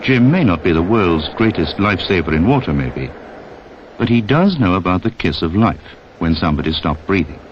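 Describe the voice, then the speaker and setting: Against a noisy background, a deep-voiced man narrates a 1960s instructional film at a moderate pace with lively intonation. As a public information narrator, he follows a script that speaks straight to the listener, and the soundtrack is dull and band-limited.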